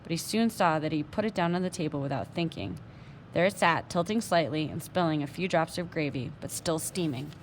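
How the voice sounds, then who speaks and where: A woman with a fairly low voice reads a children's novel aloud in a friendly, teacherly way. She breaks off for quick asides about words and characters, and a faint hiss sits under her voice. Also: lively intonation. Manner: friendly, pauses to comment on words. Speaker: teacher reading to a class.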